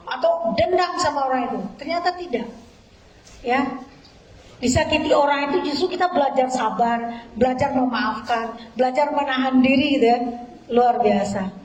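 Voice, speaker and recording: A woman guest speaker at a book discussion, talking conversationally to an audience in an animated way. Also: high voice. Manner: animated, repeats "luar biasa", laughs at points. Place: hall with audience. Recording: echoey hall.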